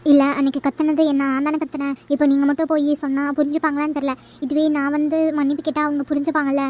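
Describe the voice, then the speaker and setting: Picture a timid young village sweetheart from a cartoon, voiced by a woman, her voice very high and light. She talks softly and with hesitation, always a little worried. It is plainly cartoon voice acting. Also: little pitch movement, rapid-fire, lo-fi sound, close to an everyday voice. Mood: anxious. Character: shy anxious young village woman in love.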